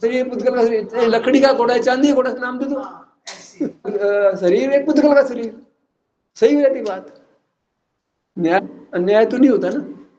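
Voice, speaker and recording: A man's voice: extremely high pitch, measured pace, pauses often, warm tone, muffled recording. A man giving a religious philosophical discourse, teasing his listeners with rhetorical questions and chuckling at his own points. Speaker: religious teacher.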